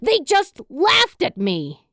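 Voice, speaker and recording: A woman voicing a defensive, easily flustered nonbinary young spirit with a tight, squeaky, indignant voice in an audiobook. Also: huge pitch swings, takes it slowly, a bit bright, no room sound, studio quality, exaggerated voice.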